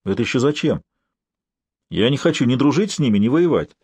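A man's voice: mid-range voice, sing-song, a little fast, darkish tone, slightly rough, no room sound. Man reading a sarcastic, grumbling young ruler. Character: sardonic, weary young male ruler.

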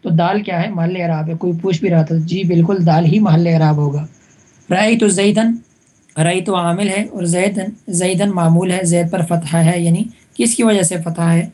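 A woman's voice: fairly low pitch, fairly even intonation, dark tone, slightly rough. A woman teaching an Arabic grammar class online, patiently repeating examples and checking that students follow. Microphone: online voice chat room.

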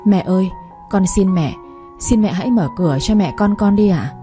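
A woman's voice: mid-range voice, expressive, moderate pace, dark tone, soft background music, close to an everyday voice. A woman voicing a young mother in her twenties who begs tearfully for mercy. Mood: pleading. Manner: begging, tearful pleading.

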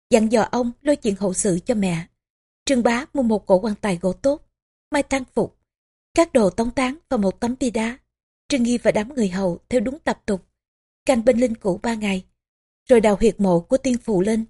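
A woman narrating a historical novel as an audiobook, in measured, even storytelling. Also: fairly high pitch, husky. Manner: measured, even storytelling with small voicings for characters.

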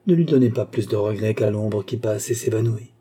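A man voicing a grave older doctor in an audiobook, explaining in a measured, lecturing way. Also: on the low side, mellow, slightly rough. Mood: gentle. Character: grave older male doctor, a reasoning philosopher.

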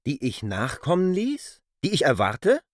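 An actor playing a restless, suspicious stranger in a radio play, speaking in clipped questions. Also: male voice, a little high, huge pitch swings, unhurried, no room sound, clean studio sound, full character voice.

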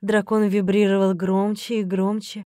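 A woman reads a first-person novel aloud with a playful, teasing lilt. Her voice is mellow and soft-edged. The recording is close and dry, with no room around it. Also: mid-range voice, flat delivery, normal speed, dry recording. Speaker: audiobook narrator.

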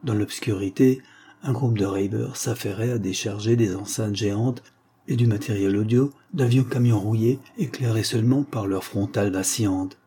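Low, mellow male audiobook narrator. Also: moderate pace, a little hiss or hum. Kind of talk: scripted narration.

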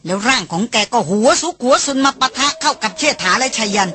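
A woman reading an adventure novel aloud as an audiobook in a steady, measured storytelling voice. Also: a little high, slight background noise. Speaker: audiobook reader. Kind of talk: scripted narration.

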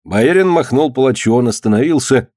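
A man reading a story aloud in steady audiobook narration. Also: medium pitch, a little fast, dry recording, clean studio sound.

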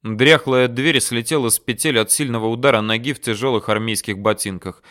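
Man, audiobook narration, smooth resonant voice, mid pitch, steady delivery. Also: fairly quick. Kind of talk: first-person audiobook narration.

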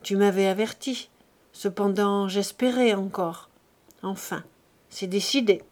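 A woman reading aloud voices a lively teenage girl in a storybook, quick and breathless. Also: medium pitch, close to an everyday voice. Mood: grave. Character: eager, playful teenage girl.

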